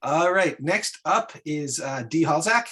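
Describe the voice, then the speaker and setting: A man with a slightly high voice chairs an online meeting. He gives informal, polite instructions, often halting between phrases. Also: lively intonation, bright, forceful tone. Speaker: meeting moderator.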